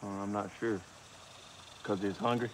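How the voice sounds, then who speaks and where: A man's voice: fairly low pitch, fairly even intonation, moderate pace, a little hiss or hum, lightly acted. An actor in his thirties playing an earnest, chastened young golfer in a film, talking in a terse, subdued way. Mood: unsure. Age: 30s. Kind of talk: naturalistic film acting.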